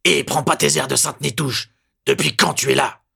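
A man voicing a furious, menacing male gang lieutenant who snarls and shouts. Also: mid-range voice, measured pace, creaky, breathy edge, pitched above the performer's own voice, full character voice.

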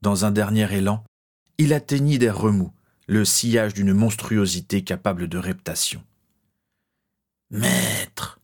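A man narrating a fantasy story as an audiobook, measured and dramatic. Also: on the low side, darkish tone.

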